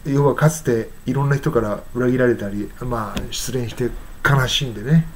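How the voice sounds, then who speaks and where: A man explaining the words of an English song in an unhurried, halting way, with many fillers and slow, careful reading of the English lines. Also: mid-range voice, a little hiss or hum. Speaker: English teacher.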